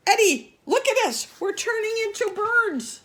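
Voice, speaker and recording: Woman doing a high, exclaiming storybook man. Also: lively intonation, unhurried, a bit bright. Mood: alarmed. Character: ordinary man, easygoing then alarmed. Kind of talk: picture book read aloud.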